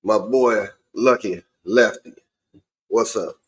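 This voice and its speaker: A man's voice: on the low side, slow. A man hosting a podcast, talking casually with his friends in an informal, colloquial way. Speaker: podcast host. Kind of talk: casual sports talk among friends.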